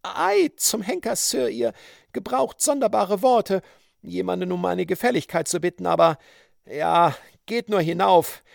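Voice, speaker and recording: A flustered, indignant respectable lady cries out in a high, shrill voice, as a man puts her on. Her pitch swings wildly, the sound dry and close. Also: big pitch swings, a little slow, gravelly, no room sound, full character voice.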